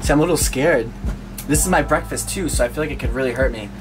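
A man's voice: mid-range voice, quick pace, over music. A young man chatting casually to camera as a vlogger, slangy and chummy with his viewers. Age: young adult. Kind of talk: casual vlog chat to camera. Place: small home rooms, indoors.

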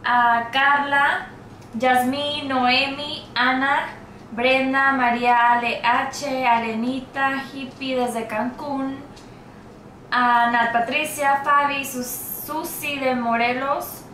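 A woman beauty vlogger giving casual shout-outs to her viewers, reading out a long list of names and tripping over some of them. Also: sits high, fairly even intonation, slow pace, roomy sound, slight background noise.

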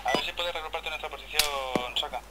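A man's voice: a little high, fairly even intonation, fast talker. Man from Spain calling over walkie-talkie. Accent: Spain Spanish. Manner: clipped radio calls. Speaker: squad player calling the sergeant. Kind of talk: military roleplay radio chatter in a game. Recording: noisy in-game voice chat.

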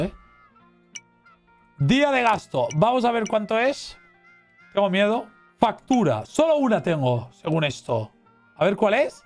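A man with a Spain Spanish accent giving excitable, exclamatory let's play commentary as a gaming streamer. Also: sits high. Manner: excitable, exclamatory, cheering and reading chat aloud.

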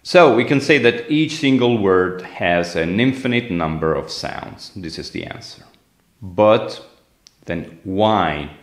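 A man's voice: low voice, roomy sound. A man from Italy giving a phonetics lesson, explaining step by step and demonstrating sounds by repeating words. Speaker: language teacher.

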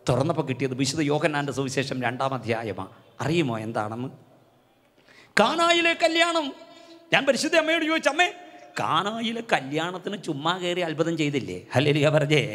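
An older man preaching a charismatic sermon, telling folksy stories and calling the crowd to shout hallelujah. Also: medium pitch. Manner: rousing, repeatedly calls for loud hallelujahs; storytelling, folksy and conversational. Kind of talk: charismatic sermon with call-and-response. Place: large hall at a gathering. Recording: long hall reverb.

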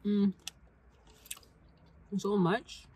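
A woman's voice: medium pitch, little pitch movement, slow pace, warm tone, slightly rough, low-quality recording. Chatty young woman eating on camera. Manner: chatty, talks while eating. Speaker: vlogger. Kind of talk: casual food taste-test chat. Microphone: camera mic.

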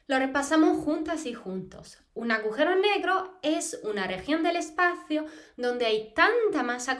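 An Italian postdoctoral astrophysics researcher in her thirties explains science to students in a high, animated voice, gesturing as she talks. She stands against a wall in a small, plain room, framed head to waist by a camera a few feet away.

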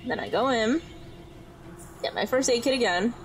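A woman's voice: on the high side, slight background noise, rough recording. Woman muttering through a horror game. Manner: muttering to herself, frustrated outbursts and quick recoveries. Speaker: gaming YouTuber. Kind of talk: casual let's-play commentary. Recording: game music behind her voice. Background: game music.

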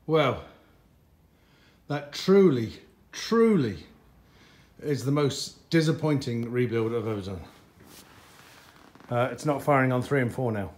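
In his garage, a man with a mid-range voice vlogs a motorcycle repair, talking to the camera at a moderate pace while he works on the bike. He thinks aloud, muttering his thoughts and growing frustrated as he goes.

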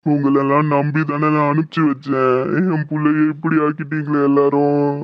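A man voicing a grieving middle-aged father who has lost his only son, lamenting loudly in a dramatized horror story. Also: on the high side, monotone, moderate pace, clean tone, dry recording, muffled recording, close to an everyday voice. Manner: wailing, lamenting.

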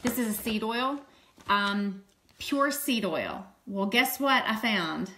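Speaking slowly in a mid-range voice with big pitch swings, she sounds pushed and bright, over slight background noise. The speaker is a Louisiana woman in her fifties with a mild Southern accent who sells makeup. She's livestreaming casually from a table at home, phone camera close up, greeting viewers and laughing easily.

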